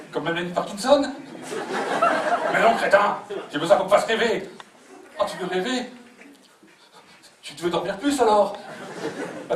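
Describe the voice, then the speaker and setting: A man performs a comic stage monologue, playing a whiny grown son and switching into his quarrelling parents. His fairly high voice comes from a distant mic in a roomy, echoing theater, with loud audience noise all around. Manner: plays a fifty-two-year-old overgrown son, mock-whiny, acts out both parents. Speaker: stand-up comedian. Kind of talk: live comic monologue in character.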